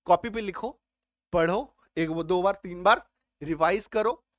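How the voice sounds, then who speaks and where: A man's voice: high voice, a little slow, no room sound. A male teacher giving a spelling lesson. He spells words letter by letter, sounds them out again and again, and keeps asking whether his students follow. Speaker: English teacher. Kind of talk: classroom-style spelling lesson.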